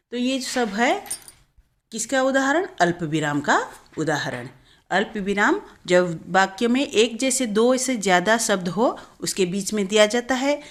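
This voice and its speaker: Woman teaching a grammar lesson. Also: mid-range voice. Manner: explains step by step, repeats and self-corrects.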